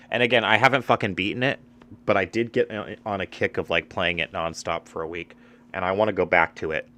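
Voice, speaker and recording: A low-voiced man talks casually about video games. His chat is loose and profane, full of fillers and restarts as he rambles from one thought to the next. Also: fairly bright tone. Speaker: gaming streamer.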